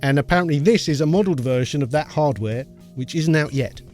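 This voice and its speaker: A man, co-hosting a casual chat about music production and gear, chatty and quick to laugh. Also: a little high, a little mellow. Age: 50s. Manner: chatty, laughs often, loses names mid-sentence. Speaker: co-host of a music production show.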